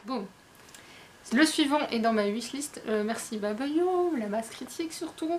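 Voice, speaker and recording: A woman's voice: a little high, lively intonation, measured pace, heavy background noise. A woman book vlogger chatting casually about her new books, hesitant and full of fillers. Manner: chatty, hesitant, many fillers, laughs often. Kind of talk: casual book haul chat.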